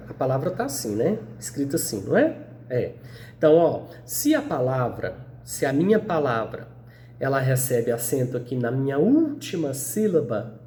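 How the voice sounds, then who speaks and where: Lively Brazilian teacher with a bouncing voice. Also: male voice, fairly high pitch, a little hiss or hum. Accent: Brazilian Portuguese. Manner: didactic, checks in with a frequent "beleza?", stretches words slowly. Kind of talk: video lesson for sixth graders.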